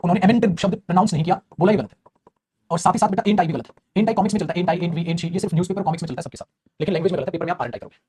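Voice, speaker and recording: A man teaching English grammar in a live online class, energetic and chatty, calling his students "beta". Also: high-pitched, racing, a little hiss or hum.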